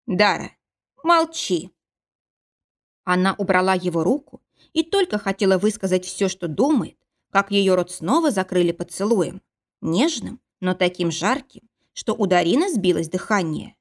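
A woman reading a fantasy romance audiobook in a measured, even narration. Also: lowish voice. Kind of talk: scripted narration.

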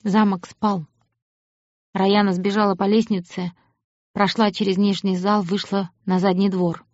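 A woman reading scripted audiobook narration in a measured, expressive way. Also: medium pitch, no echo. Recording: dull lo-fi audiobook recording.

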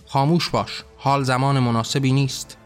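A stern, commanding archangel snaps at the other angels to be quiet, as a man voices him. He talks in short, clipped orders, with soft music under the voice. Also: mid-range voice, fairly even intonation, close to an everyday voice. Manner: curt, commanding. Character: harsh scolding male archangel.

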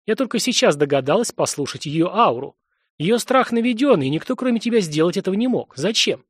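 A man's voice: high voice, big pitch swings, fairly quick, slightly rough, no echo, voice pushed up, full character voice. A man reading the part of a stern, commanding grandmother who talks curtly with dry irony. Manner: curt, bossy, dryly ironic.

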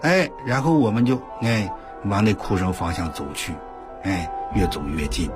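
An older man on the radio telling a story in a folksy, animated way, full of exclamations and drawn-out emphasis. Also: on the low side, music in the background. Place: radio studio.

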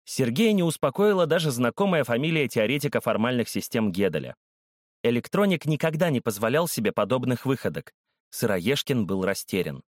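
Animated man reading a storybook aloud. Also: mid-range voice, brisk, no room sound, clean studio sound. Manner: animated, does all the character voices. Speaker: narrator.

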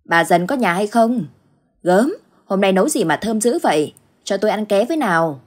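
A woman voicing a boisterous elderly village neighbor in an audio ghost story, speaking in a hearty, loud manner with a husky voice. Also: lowish voice, expressive, fairly quick.

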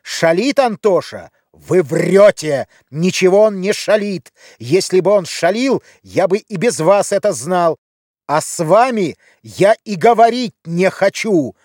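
A man voicing a short, hot-tempered father who shouts and blusters, in an audiobook reading. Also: high-pitched, expressive, normal speed, hardly any pauses, no room sound, studio quality, pitched above the performer's own voice. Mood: raging.

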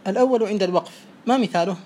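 A man teaching Arabic morphology, quizzing students and briskly praising each answer. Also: high-pitched, darkish tone. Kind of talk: oral quiz lesson. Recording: faint background noise.

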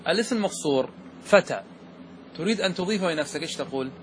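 A man teaching grammar, asking the class questions and slowing down to stress key words. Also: on the high side, animated, slight background noise. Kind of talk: classroom lesson explaining verse.

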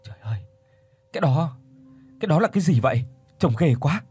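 A man's voice: mid-range voice, expressive, brisk, a little mellow, slightly rough, faint music behind. A man voicing a frightened young woman who trembles and stammers in a spoken horror story. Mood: terrified.

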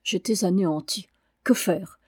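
A woman reading a classic novel aloud with steady, expressive narration. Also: on the low side, unhurried, husky, no echo, clean studio sound. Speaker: audiobook reader.

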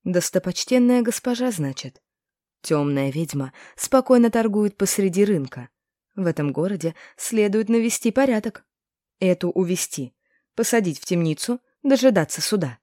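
A woman doing a quiet, menacing male inquisitor. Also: mid-range voice, animated, moderate pace, no room sound, clean studio sound, close to an everyday voice. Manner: quiet, soft and cold.

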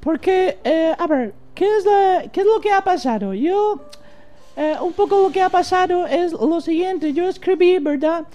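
A woman's extremely high, animated yet mellow voice moves at a measured pace, the recording's highs cut off. Playing a boastful, flirty American nun in an improvised comic radio sketch, she speaks American-accented Spanish that keeps drifting into English, giddy, giggly and rambling.

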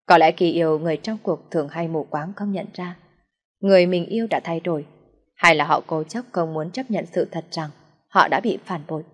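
A woman narrating a first-person story in a sad, steady reading voice. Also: on the low side, brisk, big-room sound.

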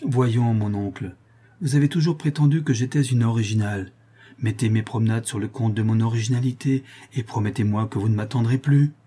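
A man's voice: medium pitch, a little fast, dark tone, slightly rough, close to an everyday voice. A man reading a storybook, voicing a proud, defiant young woman of twenty-five with a haughty, cutting manner. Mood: conciliatory.

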